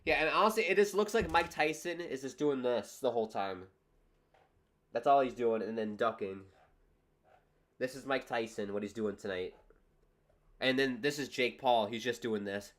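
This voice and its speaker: Male streamer, mid-pitched, wry live fight commentary, exasperated. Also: normal speed, long pauses, a bit bright. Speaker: livestream host reacting to a boxing match.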